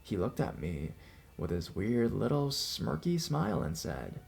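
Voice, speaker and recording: This male storyteller reads scripted first-person scary tales from listeners in a low, sing-song voice that is creaky, darkish, and edged with breath. He goes a little slowly, with music underneath.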